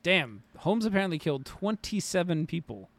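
An excitable male co-host with a high, lively voice that leaps around. He chats casually and laughs often, and his voice sounds dry and close. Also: moderate pace, creaky, no room sound. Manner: excitable, animated, laughs a lot. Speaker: podcast co-host. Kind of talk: casual chat.

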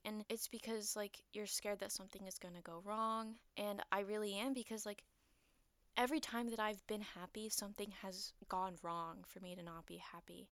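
A woman's voice: mid-range voice, dry recording. A young woman talking alone on her podcast, rambling with lots of fillers, her voice a little shaky and nervous. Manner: rambling, filler-heavy, self-deprecating. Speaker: podcast host. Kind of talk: casual solo podcast monologue.

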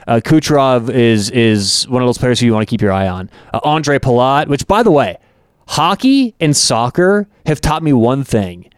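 A man with a Canadian accent chatting casually about hockey as a podcast co-host, excitable and animated. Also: mid-range voice, normal speed, no echo, studio quality. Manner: excitable, animated when imitating announcers. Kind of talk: casual sports chat.

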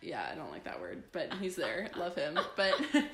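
A woman's voice: on the low side, huge pitch swings, creaky, roomy sound, crowd noise. Playful, teasing woman in her twenties. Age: 20s. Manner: playful, quick to tease and interrupt. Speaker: podcast co-host. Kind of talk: casual chat over wine.

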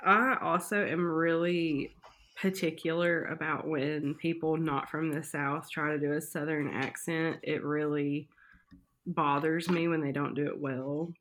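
A woman's voice: sits low, fairly even intonation, unhurried, a bit bright. A woman chatting casually with a friend, hedging her gossip with "like" and "supposedly". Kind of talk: casual chat.

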